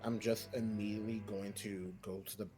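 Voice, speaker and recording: A man's voice: fairly low pitch, level tone, moderate pace. A man chatting casually as a player in a tabletop game, informally thinking aloud about his moves. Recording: music behind the voice.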